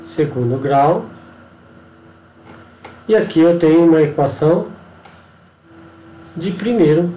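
A man with a Brazilian accent walks through a problem step by step, often stopping to check that the listener follows. His voice sits fairly high but sounds mellow and dark. The room adds a noticeable echo. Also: lively intonation, takes it slowly, long pauses. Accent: Brazilian Portuguese. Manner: explanatory, frequent tag questions and pointing words. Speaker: engineering instructor. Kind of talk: screen-recorded tutorial walkthrough.

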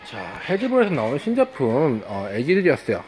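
A woman's voice: deep voice, wildly swooping pitch, fairly quick, noisy background. A woman reviewing new toys in a chatty vlog, often exclaiming in wonder at what she finds. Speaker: toy reviewer. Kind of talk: excited toy review vlog. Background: background music.

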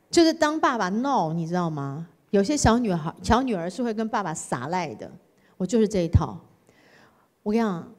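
A woman giving a sermon testimony, telling her story in a lively, dramatized way and acting out her own pleading. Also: medium pitch. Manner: animated storytelling, acts out her own whining. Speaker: guest preacher. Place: church sanctuary. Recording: church hall reverb.

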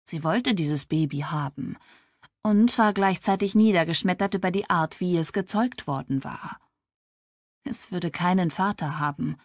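Female audiobook narrator, low and steady, dry studio read. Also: measured pace, no room sound. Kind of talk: scripted narration.

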